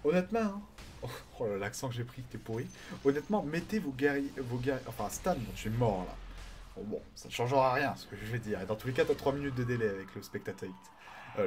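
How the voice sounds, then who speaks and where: A man casting a live online game tournament, chatty and excitable, greeting viewers and swearing casually. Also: mid-range voice, slight background noise. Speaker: tournament caster and streamer.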